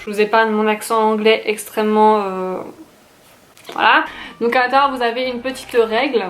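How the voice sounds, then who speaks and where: A woman's voice: a little high, little pitch movement, normal speed. Chatty young woman in an echoey room. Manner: chatty, rambling, many fillers and restarts. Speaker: beauty and shopping vlogger. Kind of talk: casual haul video chat. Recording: echoey room with faint noise.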